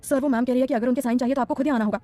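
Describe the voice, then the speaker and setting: A woman's voice: high voice, fairly even intonation, very fast, mellow, faint music behind, close to an everyday voice. A woman voicing a nervous male office manager who stammers and hesitates in an audio story.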